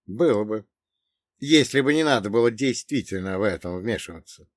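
A man's voice: on the low side, lively intonation, normal speed, dry recording, clean studio sound. A man narrating a first-person story with wry, ironic asides. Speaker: audiobook narrator.

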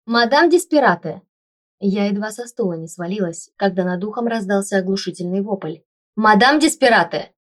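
A woman voicing a cheeky undead male secretary who yells and drawls sulkily in a storybook reading. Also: medium pitch, steady tone, brisk, few pauses, lightly acted. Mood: yelling. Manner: shouting, sulky drawl.

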